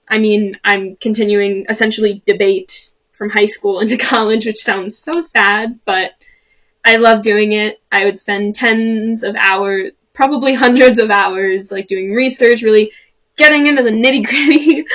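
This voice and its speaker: A woman's voice: medium pitch, a bit bright. A young woman from the Chicago suburbs, about to start college, talking earnestly to camera in a chatty vlog with many fillers and restarts. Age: young adult. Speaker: vlogger. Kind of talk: casual talk to camera.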